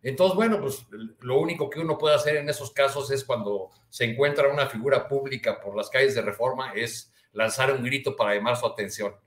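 A man with a Mexican Spanish accent, a columnist guest chatting casually and haltingly, with many restarts and fillers. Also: medium pitch, a bit bright, roomy sound. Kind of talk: casual chat.

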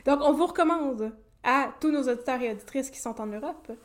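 A woman with a Québécois French accent chats through a podcast. Her voice sits high. She is playful and quick to laugh. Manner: playful, chatty, laughs often. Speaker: podcast co-host. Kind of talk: casual chat.

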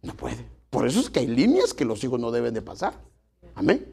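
A man's voice: medium pitch, huge pitch swings, brisk, creaky, darkish tone, husky. A middle-aged man, preaching a folksy sermon to his congregation and addressing them as brothers. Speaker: pastor.

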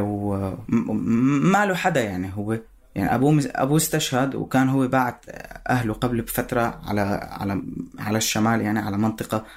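A man with a Syrian Arabic accent giving personal spoken testimony in a halting way, searching for words. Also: lowish voice.

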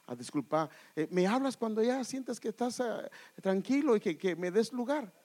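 A man's voice: sits high, sing-song, normal speed, darkish tone, voice pushed up. A man voicing a meek father who apologizes and pleads with his son. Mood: pleading.

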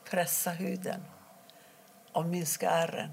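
A middle-aged woman from Iran, telling her own story in an interview, quietly and haltingly, with many pauses. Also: on the low side, little pitch movement, vocal fry, slight background noise. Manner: halting, quiet and emotional, pausing often. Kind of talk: personal testimony interview.

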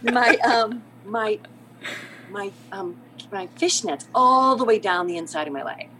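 A middle-aged woman, a podcast guest, telling an animated story with laughter and acted-out quotes. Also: mid-range voice, measured pace, background noise. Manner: lively, laughing, acts out quoted lines. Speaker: podcast guest, theater artistic director.

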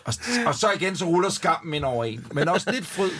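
A man's voice: on the high side, a little hiss or hum. Male guest, spirited anecdote style, laughs as he talks. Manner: animated anecdote telling with laughter and acted-out voices. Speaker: podcast guest, father. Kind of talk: casual storytelling.

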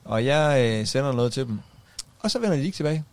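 A man's voice: mid-range voice, sing-song. A man co-hosting a casual podcast, telling a wry story about the entertainment business. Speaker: podcast co-host.

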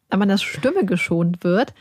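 A woman's voice: medium pitch, sing-song, slow pace, darkish tone, no echo. Woman, dry casual podcast voice. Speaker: podcast host. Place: lying in bed in a small holiday house.

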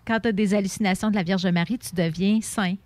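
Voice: medium pitch, steady tone, fairly quick, dry recording. A host teases co-hosts on a casual radio show with dry humor. The voice sits in a middle register and sounds dry and close.

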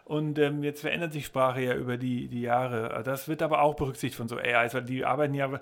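A man's voice: medium pitch, steady tone, fast talker, vocal fry, fairly bright tone. A man hosting a podcast who asks long, rambling questions and keeps restarting his sentences. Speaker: podcast host. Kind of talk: podcast interview.

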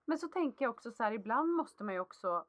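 A woman's voice: on the high side, big pitch swings, a bit bright, dry recording. A woman in casual chat who asks questions and sympathizes.

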